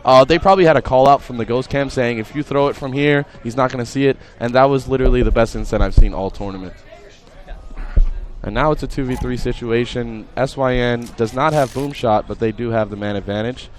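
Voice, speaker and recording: Give me a fast-talking young man doing steady color commentary for a gaming tournament. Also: medium pitch. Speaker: esports commentator.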